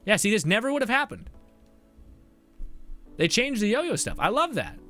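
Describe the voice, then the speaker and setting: Soft music plays behind a young game streamer whose high voice is very animated, bright and forceful at a moderate pace. He chats casually on his live stream, reading chat messages aloud, laughing often and at times running out of breath.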